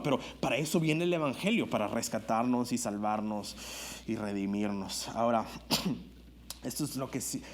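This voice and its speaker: A man's voice: medium pitch, a little mellow. A man preaching an earnest sermon in a church, climbing to emphatic peaks and stumbling over restarts and filler words.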